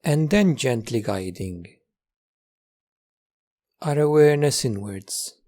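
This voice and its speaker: Speaking in a mid-range voice, a male teacher walks listeners through a guided meditation. His instructions are gentle and unhurried, marked by recurring phrases and lengthy pauses.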